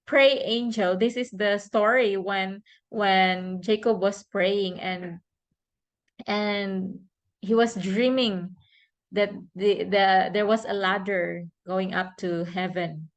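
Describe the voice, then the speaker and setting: A woman's voice: fairly even intonation, slow, muffled recording. A woman presenting a case study to a class as the child's mother, reading points and at times imitating a toddler's speech. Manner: reads bullet points, then imitates a toddler's words in a high sing-song voice.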